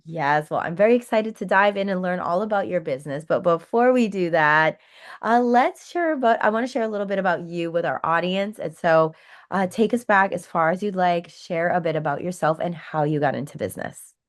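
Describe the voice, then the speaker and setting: A woman hosts a business interview podcast with a slightly lower voice. She sounds upbeat and encouraging as she introduces her guest and asks questions. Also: a little fast. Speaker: podcast host. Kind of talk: hosting an interview.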